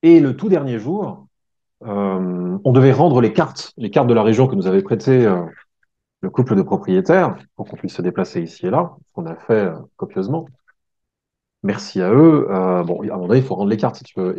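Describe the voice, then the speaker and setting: A man's voice: lowish voice, lively intonation, fairly quick, dark tone, husky. Chatty man telling a trip story. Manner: chatty, many fillers and restarts, addresses listener as "tu vois". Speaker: travel vlogger. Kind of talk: casual storytelling to the viewer. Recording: dull lo-fi sound.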